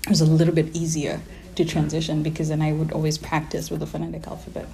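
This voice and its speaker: A woman's voice: deep voice, completely flat delivery, fast talker, vocal fry, dark tone. A woman in her thirties from Kenya with an American-sounding accent and a slight Kenyan trace, speaking reflectively and casually in an interview. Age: 30s.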